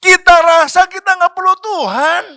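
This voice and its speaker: A man's voice: very high-pitched, normal speed, bright, forceful tone, dry recording, clean studio sound. A man preaching a sermon as pastor, talking in a chatty, slangy way and asking the congregation questions. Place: church.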